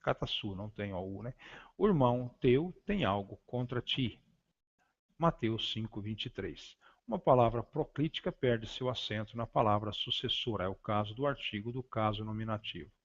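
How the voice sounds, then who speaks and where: A man teaching a grammar lesson, reading slowly and deliberately from slides with frequent hesitations. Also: lowish voice, animated. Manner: slow, deliberate, spelling out words with frequent hesitations. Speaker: Greek teacher. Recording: dull lo-fi recording.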